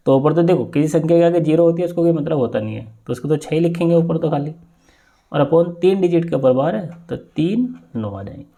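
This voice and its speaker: A man teaching an exam-prep maths lesson, explaining step by step and often asking if it is clear. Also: fairly high pitch, a little fast. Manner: steady step-by-step explaining with frequent check-in questions.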